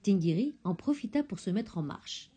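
A woman reads a children's tale aloud in a gentle storybook manner. Her pitch moves in a lively way, and her tone is mellow and soft. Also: moderate pace, breathy edge. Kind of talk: storybook narration.

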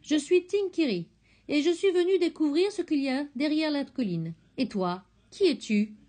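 A woman voicing a lively, headstrong little girl in a storybook, eager and bold. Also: sits high, normal speed, voice pushed up.

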